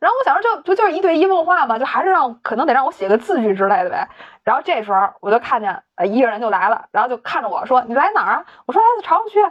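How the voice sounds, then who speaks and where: A woman's voice: on the high side, expressive, rapid-fire, dull audio. A woman telling a story in casual chat, laughing often, swearing casually and acting out the dialogue. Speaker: podcast co-host.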